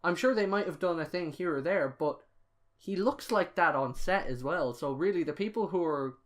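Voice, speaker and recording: A young man with a fairly high voice co-hosts a casual pop culture podcast. He explains film details at length and slips in deadpan jokes. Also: normal speed. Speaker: podcast co-host.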